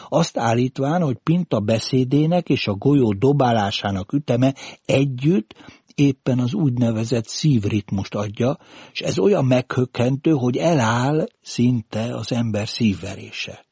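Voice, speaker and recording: A man narrates a literary story in a measured, deliberate audiobook reading. His tone is warm and mellow with a slightly husky edge. The recording is dry and close, with no room sound. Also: mid-range voice, no room sound.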